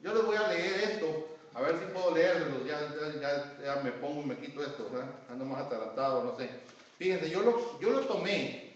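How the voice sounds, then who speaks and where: Male preacher with a fairly high voice, earnest and direct, heard from far off in a very echoey church hall. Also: moderate pace. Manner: earnest, addressing the congregation directly, reading notes aloud. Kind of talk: sermon to a congregation. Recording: very echoey, distant, dull phone-app live stream.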